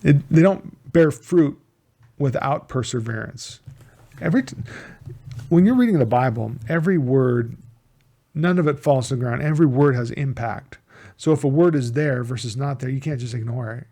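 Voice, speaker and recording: This is an American man offering an informal teaching on the Bible in an even, mid-range voice at normal speed. Earnest in tone, he leans on repetition of key words and often starts his phrases over.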